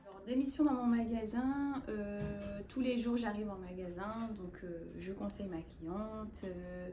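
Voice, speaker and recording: A woman's voice: medium pitch, fairly even intonation, measured pace, roomy sound, recorded from a distance, music in the background. A woman in her thirties who works in a clothing store, describing her daily tasks simply. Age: 30s. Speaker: store staff. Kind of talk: corporate job interview testimony.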